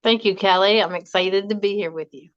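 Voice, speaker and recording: A woman in her fifties speaking as a podcast guest, agreeable and quick to affirm. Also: mid-range voice. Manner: agreeable, with frequent short affirmations. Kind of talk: casual conversational interview. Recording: dry, dull lo-fi sound.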